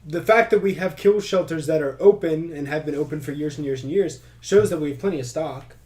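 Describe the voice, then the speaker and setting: A man's voice: a little high, a little fast, a little mellow. A young man co-hosting a podcast, chatting casually and loosely with jokes and swearing. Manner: loose, profane, jokey. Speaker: podcast co-host. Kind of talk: casual chat.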